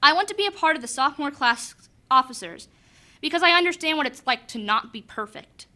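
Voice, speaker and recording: Casting: teenage female candidate, high bright voice, scripted motivational school speech. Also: animated, fairly quick. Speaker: student election candidate.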